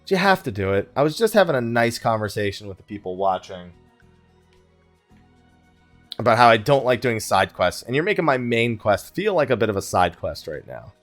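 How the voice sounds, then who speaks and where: At a moderate pace, a medium-pitched man chats about a game in a sing-song way, faint music audible behind him. The let's play talk is casual and loose, mixing jokes with mock exasperation and self-mockery.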